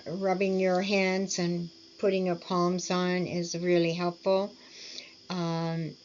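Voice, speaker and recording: Woman, speech exercise instructor, unhurried, over-articulated words, muffled recording, faint hiss. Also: fairly low pitch. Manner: deliberate, over-articulated word drills with frequent throat clearing. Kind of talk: slow instructional walkthrough.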